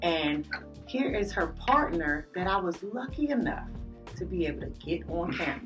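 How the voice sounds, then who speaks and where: A woman hosting a podcast, greeting her audience and guests in an animated, drawn-out way with playful asides. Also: on the low side. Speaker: podcast host. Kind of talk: enthusiastic podcast welcome and interview. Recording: distant mic with faint music behind.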